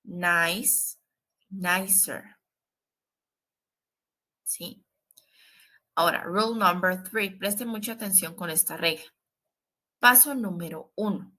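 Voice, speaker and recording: Bright-voiced woman teaching English grammar. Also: medium pitch. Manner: patient, repetitive, stresses warnings with frequent "¿sí?" check-ins. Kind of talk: online grammar lesson.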